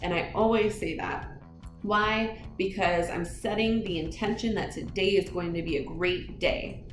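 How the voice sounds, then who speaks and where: A woman who teaches high school English gives other teachers earnest, direct advice on classroom management. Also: measured pace. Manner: earnest, direct, addresses the listener as a fellow teacher. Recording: echoey room with music playing underneath.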